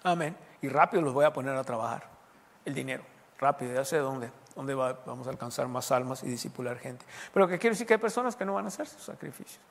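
A man preaching a sermon as pastor, animated and mimicking people's voices. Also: medium pitch, fast, vocal fry. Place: church. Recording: reverberant church hall.

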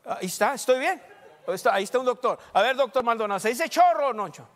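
A pastor with a high voice preaches from the pulpit, telling a humorous story from his own life. He swings between quiet asides and loud, animated bursts. The sound hangs in a reverberant church hall. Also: fast talker. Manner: joking testimony, loud and animated at times. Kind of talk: sermon.

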